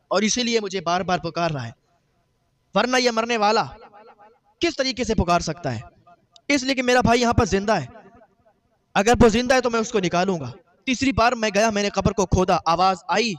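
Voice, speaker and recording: A man's voice: high voice, fairly bright tone. A man preaching in a sermon, telling a story with emotion and voicing the grieving brother's words.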